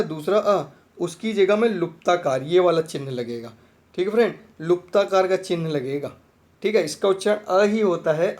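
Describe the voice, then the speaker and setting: A man's voice: sits high, a little mellow. A man teaching an exam-prep grammar lesson, often repeating himself and checking whether the students have understood. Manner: repetitive, checks understanding with "theek hai friend".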